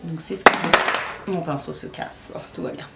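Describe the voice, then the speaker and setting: A young beauty vlogger chats casually while doing a makeup tutorial, poking fun at herself as she works. Her deep, creaky voice stays steady at a moderate pace, recorded in an echoey room with faint music playing.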